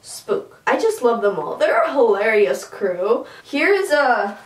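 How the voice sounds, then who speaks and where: A young woman giving a casual, chatty book talk, excitable with quick asides. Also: on the high side. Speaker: book reviewer. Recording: roomy, from a distance.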